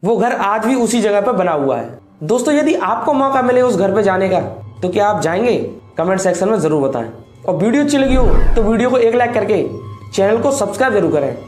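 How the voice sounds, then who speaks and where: A man in his twenties hosting a channel, telling a horror story to camera in a dramatic way, dropping low on ominous lines. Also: very animated, fairly quick, darkish tone. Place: small indoor room with cloth backdrop. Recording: echoey room, faint background music.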